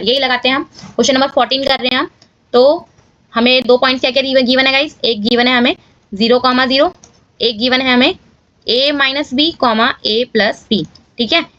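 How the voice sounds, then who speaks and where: A woman's voice: high-pitched, fairly bright tone, no echo, muffled recording. A woman teaching maths step by step in a casual manner, often checking in with viewers. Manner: casual, addresses viewers as guys, checks with "clear?".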